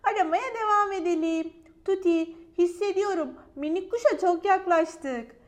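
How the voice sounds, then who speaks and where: A woman voicing a cheerful, caring little striped forest creature in a children's story, bright and reassuring. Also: very high voice, moderate pace, pitched above the performer's own voice. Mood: eager. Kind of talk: storybook character voice.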